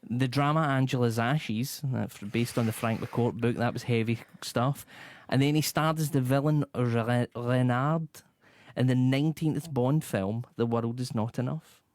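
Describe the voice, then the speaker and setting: A man's voice: mid-range voice, unhurried, a little mellow, slight background noise. A man presenting a scripted career rundown, adding dry comments along the way.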